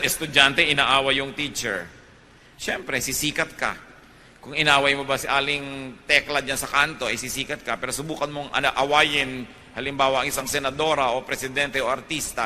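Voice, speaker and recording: A man's voice: medium pitch, bright, forceful tone, big-room sound, slight background noise. A man with a Filipino accent, a priest preaching a sermon and mixing in English, rising emphatically when he warns. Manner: switches between Tagalog and English, rising emphatically on warnings.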